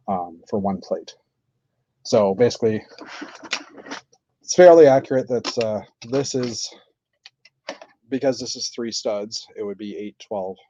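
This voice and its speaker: A man chatting casually on a live stream while building, thinking aloud with many pauses and fillers. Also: on the low side, dark tone. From Canada. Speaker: streamer building with toy bricks. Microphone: computer mic on live stream. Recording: dull lo-fi stream audio.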